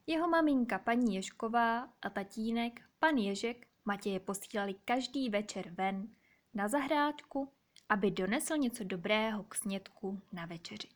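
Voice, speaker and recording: A woman reading a children's story aloud, gentle and expressive. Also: medium pitch. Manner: gentle, expressive, slows for sad moments.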